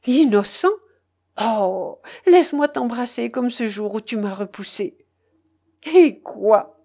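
A woman's voice: a little high, unhurried, warm tone, pitched above the performer's own voice. A woman voicing a young heroine, tender and emotional, speaking in a raised, pleading way.

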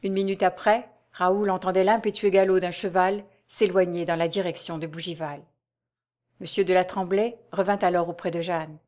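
A woman narrating a classic novel for an audiobook in a measured, expressive reading voice. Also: fairly low pitch.

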